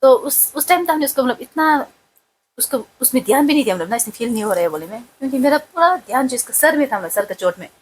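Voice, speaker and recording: A woman with a fairly high voice tells a family story, rambling and emotional, leaning heavily on fillers. A faint noise sits under her voice, along with some ambient room sound. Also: animated, fast talker, poor audio. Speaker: wife of the vlogger. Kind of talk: casual storytelling.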